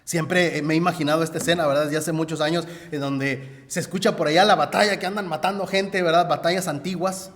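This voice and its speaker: A male preacher retells a story in a sermon and keeps turning to speak directly to his listeners. His voice sits a little high for a man. It rings out with a long reverb, as if recorded in a church hall. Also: steady tone, fast talker, few pauses, a bit bright.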